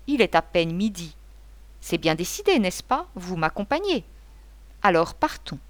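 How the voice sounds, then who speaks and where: A woman's voice: fairly low pitch, sing-song, unhurried, dry recording. A woman voicing a boisterous, talkative male painter who rambles and gives orders in a mocking tone. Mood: chattering, bossy.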